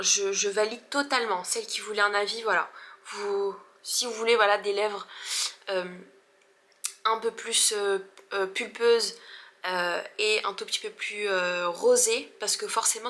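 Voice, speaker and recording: Bright-voiced young woman chatting through a beauty haul. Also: medium pitch. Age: 20s. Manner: chatty, hesitant, many fillers and restarts; gushing over products. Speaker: beauty vlogger. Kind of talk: casual haul vlog.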